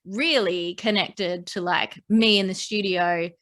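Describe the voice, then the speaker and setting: A woman's voice: mid-range voice, steady tone, takes it slowly, fairly bright tone. A woman co-hosting a podcast, talking casually in a rambling, upbeat way with lots of fillers. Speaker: podcast co-host. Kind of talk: casual chat.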